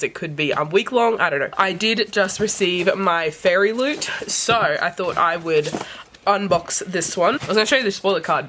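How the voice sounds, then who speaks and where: A woman with a hoarse voice that is giving out from sickness, chatting casually and thinking aloud as she vlogs an unboxing. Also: lowish voice, fairly bright tone, slight background noise. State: hoarse, sick-sounding voice that is giving out. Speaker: book vlogger.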